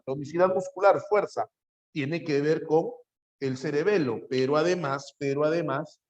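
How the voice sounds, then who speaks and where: A man's voice: a little high, dull audio. A man teaching psychology in a classroom, repeating phrases and firing questions at his students. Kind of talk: lively classroom lecture.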